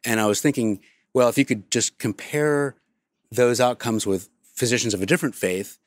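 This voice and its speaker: A man's voice: mid-range voice, moderate pace, no echo, studio quality. A man hosting a podcast, asking the guest probing, skeptical questions. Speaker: podcast host.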